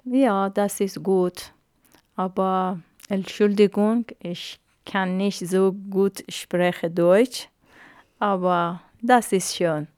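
A woman's voice: medium pitch, steady tone, darkish tone, clear, resonant tone, no room sound, studio quality. A woman, in Arabic and Persian, speaking hesitantly in a radio interview, with many fillers. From Iran. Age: 50s. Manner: halting, hesitant learner's speech with many fillers. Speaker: interview guest.

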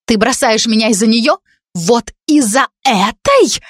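A woman reading a story, voicing a jealous, hysterical young female student who shouts accusations through tears. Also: high voice, lively intonation, normal speed, no echo, clean studio sound, voice pushed up. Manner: screaming, sobbing accusations. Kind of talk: audiobook character reading.

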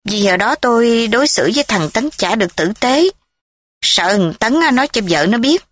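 A woman's voice: fairly high pitch, expressive, moderate pace, a bit bright, no room sound. A woman reading the lines of a nosy, fretful elderly village aunt in a recorded story.

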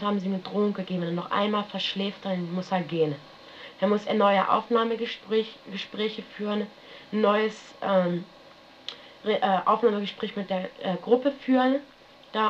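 A woman's voice: mid-range voice, normal speed. Woman telling her story in loose slangy chat, keeps tacking on "ne?", dull old archive tape. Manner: rambling, colloquial, tags sentences with "ne?". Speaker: interviewee recounting her life. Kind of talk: casual spoken recollection. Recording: dull lo-fi archival radio tape with faint hiss.

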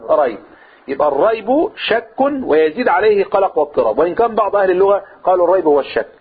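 A man with an Egyptian Arabic accent and a high, slightly rough voice teaches a Quran commentary lesson. This religious teacher explains by posing his own questions and answering them, over tinny, phone-like sound.

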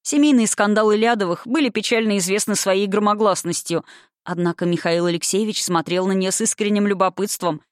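A woman narrating a novel in an even, expressive audiobook reading. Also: medium pitch, a little fast, no echo, clean studio sound.

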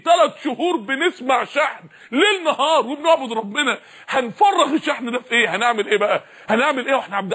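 Urgent, high-pitched male preacher. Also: sharp tone, breathy edge. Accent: Egyptian Arabic. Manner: urgent, repeating rhetorical questions to the audience. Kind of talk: sermon.

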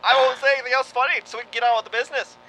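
A man banters in a folksy 1940s announcer voice, peppered with dated slang. The put-on voice sits very high and sounds bright and clear, over a faint background noise. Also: steady tone, rapid-fire, low-quality recording. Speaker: co-host of a comedy news bit. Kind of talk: 1940s radio newscaster impression.

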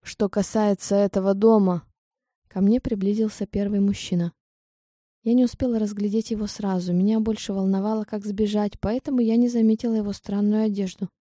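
A woman reading a first-person audiobook in an even, steady storytelling manner. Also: mid-range voice, no room sound, studio quality. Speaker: audiobook narrator.

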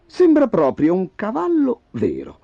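A man's voice: high-pitched, huge pitch swings, a little slow, gravelly, dry recording, phone-quality sound, voice pushed up, heavily acted. A man voicing a wavering old king. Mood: admiring. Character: anxious old Persian king, easily swayed.

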